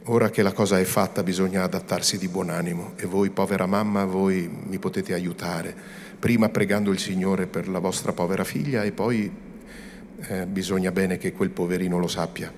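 A man voicing a young devout woman who pleads softly and earnestly through tears. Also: low-pitched, steady tone, normal speed, a little hiss or hum. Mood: tearful pleading. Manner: soft, earnest and imploring.

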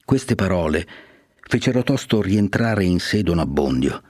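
A man reads a classic novel aloud in a low voice, steady and literary. The recording is close and dry, with nothing behind him. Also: measured pace, dry recording. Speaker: narrator.

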